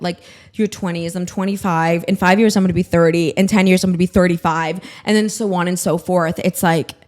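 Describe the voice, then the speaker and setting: Her voice sits at medium pitch with a slightly mellow quality. She's a podcast host in her twenties delivering a relaxed solo monologue, ranting scatteredly, mocking herself and cursing without restraint.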